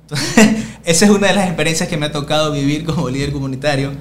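Un joven ecuatoriano de voz algo aguda que cuenta anécdotas de barrio a toda velocidad, con un leve ruido ambiental detrás. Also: male voice, a little high, fast, a little hiss or hum. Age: young adult. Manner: animated storyteller, acting out dialogue. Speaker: community leader. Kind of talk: casual podcast conversation.

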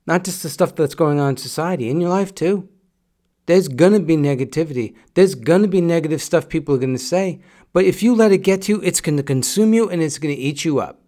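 A man's voice: fairly high pitch, a little mellow. A middle-aged man hosting a podcast, giving a direct, repetitive motivational monologue in a coaching tone. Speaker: podcast host.

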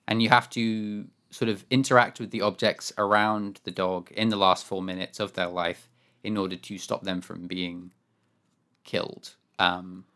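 Low-voiced man rambling casually. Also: little pitch movement, measured pace, pushed and bright. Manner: rambling, self-correcting, wry. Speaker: podcast co-host. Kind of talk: casual chat. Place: home.

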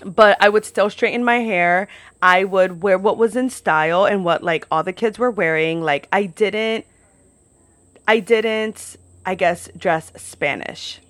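A woman's voice: mid-range voice, a little slow, fairly bright tone, no room sound. A young American woman telling personal stories casually to camera, chatty and candid, peppering her talk with "like". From United States, New York and Florida. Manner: candid, chatty, frequent "like" as filler. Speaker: podcast host. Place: outdoors at home.

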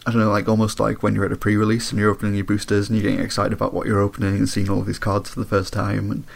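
A man chatting casually, his voice croaky and congested from a head cold. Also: fairly low pitch, completely flat delivery, racing. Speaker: podcast co-host. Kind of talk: casual chat. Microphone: remote internet voice call.

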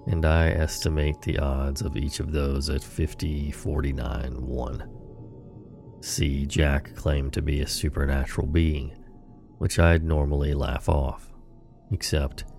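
Very deep, gravelly male horror host. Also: a little mellow. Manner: horror host, slow ominous campfire storyteller. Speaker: horror story podcast host. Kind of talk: scripted narration of scary stories.

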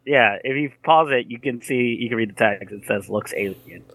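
A man's voice: medium pitch, brisk, a bit bright, no room sound. Mid-voiced man recapping an episode, dry mic. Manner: recaps plot with frequent "uh" fillers. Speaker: podcast co-host. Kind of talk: casual podcast recap.

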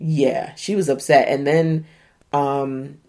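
A woman casually recapping a reality dating show, animated and slangy, swearing and laughing often. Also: extremely low pitch, slow. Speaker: show reviewer.

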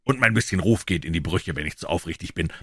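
A man voicing a shrewd, calm detective who explains in a low, measured, quietly assured way in an audiobook. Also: no room sound, clean studio sound, heavily acted. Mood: explaining. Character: shrewd calm male detective, dryly ironic. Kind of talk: audiobook character voice.

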